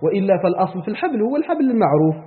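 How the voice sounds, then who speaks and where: High-voiced Moroccan teacher on a tinny broadcast. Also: male voice, sing-song, very fast, in a large hall. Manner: explains terms step by step, repeats key words, asks the class "clear?". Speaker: Quran commentary teacher. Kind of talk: classroom lecture on Quran vocabulary.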